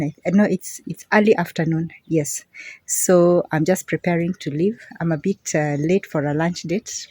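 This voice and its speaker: A middle-aged Kenyan vlogger with a Kenyan accent talks casually to her phone camera while walking outdoors through a quiet semi-rural area, often repeating words for emphasis. Her voice is fairly low, a little mellow and slightly rough, with no room sound. Birds and crickets can be heard around her.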